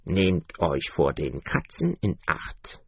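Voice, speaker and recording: A man's voice: deep voice, very animated, slow pace, vocal fry, husky, pitched below the performer's own voice, exaggerated voice. A man voicing a proud, protective mother duck in a fairy-tale reading, earnest and coaxing, on a dull, dry recording.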